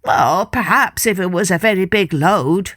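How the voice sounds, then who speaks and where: A woman's voice: lowish voice, measured pace, a bit bright, no echo, clean studio sound. A woman voicing a crafty, hungry old male woodcutter in a children's story, talking in a sly, coaxing way.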